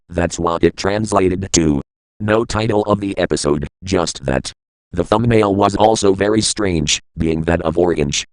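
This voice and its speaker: A man narrates an internet horror story in a low-pitched voice. The recording is dry and close, with no room sound around his scripted storytelling. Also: clear, resonant tone, no echo, rough recording. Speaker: creepypasta narrator.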